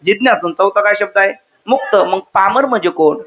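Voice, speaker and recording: A man's voice: sits high, fairly quick. A man giving a devotional kirtan sermon, quizzing the audience, reciting verses and joking with them. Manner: interactive, quizzes the audience and asks them to repeat words; humorous asides. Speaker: kirtan preacher. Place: hall with a live audience. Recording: dull lo-fi sound.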